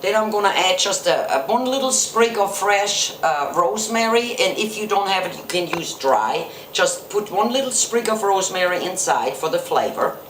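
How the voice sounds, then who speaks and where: A woman with a German accent talks through a recipe one step at a time, with the odd slip in her English. Her voice sits at a middle pitch and rings off the hard surfaces of an echoey kitchen. Faint clatter of pans and stirring sits behind her. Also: expressive, moderate pace, hardly any pauses, a little hiss or hum. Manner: plain step-by-step explaining with small grammar slips. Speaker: home cook. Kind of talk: cooking demonstration. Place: home kitchen.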